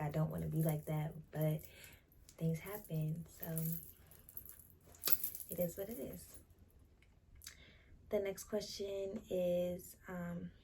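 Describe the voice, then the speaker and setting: Low, gravelly teenage girl vlogger. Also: a little hiss or hum. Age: teens. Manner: relaxed, drawn-out, matter-of-fact. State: out of breath. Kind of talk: casual Q&A vlog.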